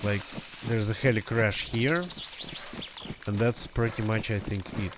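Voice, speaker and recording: A man streams a survival game, his low, fairly even voice a little slow and somewhat nasal and congested from a recent cold. His commentary is casual and rambling, and he keeps correcting himself. The recording is very noisy.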